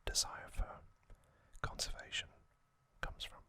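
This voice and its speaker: In a quiet whisper, the male ASMR host recounts trivia in a meandering style. He stops frequently, says um a lot, and mixes in recollections of his own.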